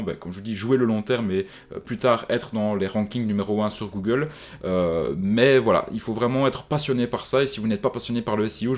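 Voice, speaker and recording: A man who runs an online business course, giving a casual screen-share tutorial, chatty, full of fillers and restarts, talking straight to viewers. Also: on the low side.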